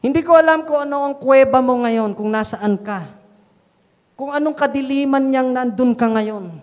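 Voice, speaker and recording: A man's voice: very high-pitched, normal speed, darkish tone. A man with a Filipino accent preaching a sermon as pastor, emphatic and repeating his phrases. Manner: emphatic, repeats phrases, calls listeners "kapatid". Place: church hall. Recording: long hall reverb.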